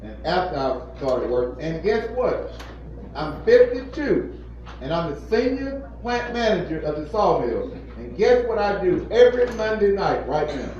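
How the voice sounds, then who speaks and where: A plant manager in his fifties gives children an earnest, repetitive motivational talk with preacherly emphasis, his high-pitched voice swinging widely in pitch at a measured pace with a darkish tone. The informal talk was captured in an echoey room, sounding distant and muffled with faint noise.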